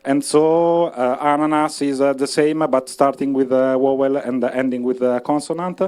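Halting Italian man, medium pitch. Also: level tone, darkish tone, clean tone. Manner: halting, short phrases with frequent pauses. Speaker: speaker presenting his project. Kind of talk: informal short talk. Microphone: stage microphone.

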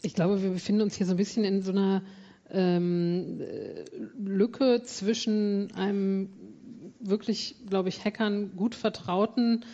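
A woman's voice: medium pitch, steady tone, unhurried, dark tone. A woman panel guest thinking aloud in a reflective way. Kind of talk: panel discussion. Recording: dull lo-fi conference audio.

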